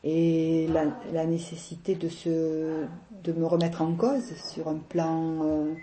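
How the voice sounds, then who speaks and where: A middle-aged woman from the south of France with a southern French accent, chatting about her life in a casual interview, laughing often and pausing on fillers. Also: low voice, flat delivery, dark tone, a little hiss or hum. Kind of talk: casual personal conversation.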